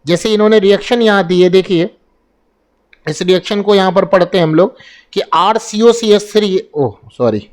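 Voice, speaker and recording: A man's voice: high-pitched, normal speed. A man teaching an exam-prep chemistry lesson. He asks himself questions and answers them, repeating the key terms as he goes.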